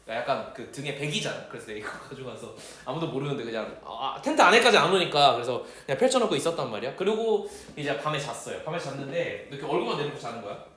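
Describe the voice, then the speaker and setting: A male teacher tells a story during a lecture in a casual, animated way and acts out the shouts and voices of the people in it. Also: medium pitch, fast talker, few pauses. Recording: echoey room with a distant mic.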